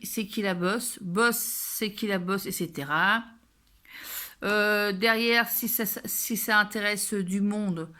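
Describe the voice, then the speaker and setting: A woman's voice: mid-range voice, fairly bright tone, slight background noise. A woman chatting casually as she unboxes a beauty box, hesitant with many fillers and restarts.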